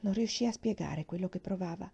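A woman narrates an audiobook slowly and expressively. Her voice is mellow with a gravelly edge. The recording sounds dull and lo-fi. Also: fairly low pitch. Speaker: reader.

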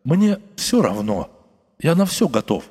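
A man voicing a distraught male provincial doctor who shouts in trembling, tearful outbursts. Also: on the high side, sing-song, measured pace, breathy edge, heavily acted. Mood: despairing. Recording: long reverb, faint music.

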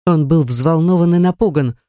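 A mid-pitched audiobook narrator carrying a first-person story with a brash, crude, sardonic bite. The recording is close and dead dry, with no reverb at all. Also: moderate pace, mellow.

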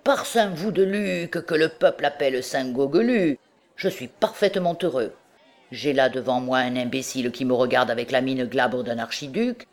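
A woman's voice: a bass voice, moderate pace. A woman voicing a rowdy, boastful drunken young male student in an audiobook, exclaiming and laughing. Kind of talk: audiobook character reading.

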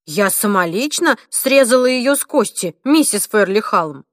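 A woman reading an audiobook, voicing a mild, conciliatory mother who speaks softly and placatingly. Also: medium pitch, lively intonation, a little slow, no echo, clean studio sound, lightly acted. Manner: soft, placating, pleading.

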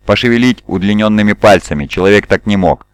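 Low-voiced male audiobook narrator. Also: fast talker, smooth, no room sound. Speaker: audiobook reader. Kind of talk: scripted narration.

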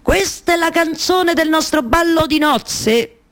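Una donna che interpreta Penelope, moglie malinconica e chiacchierona, in un monologo teatrale con accento romano e ripetizioni insistenti. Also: female voice, very high voice, a little slow. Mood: wistful, rambling. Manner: colloquial, insistent repetition. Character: Penelope, long-waiting wife, wistful, chatty storyteller of Ulysses' journey. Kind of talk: theatrical monologue storytelling with live music.

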